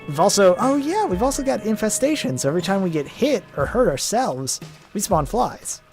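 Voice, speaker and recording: A man's voice: sits high, sing-song, brisk, a little mellow, soft background music. A man casually commenting on his own gameplay as a let's play host, rambling with self-deprecating asides.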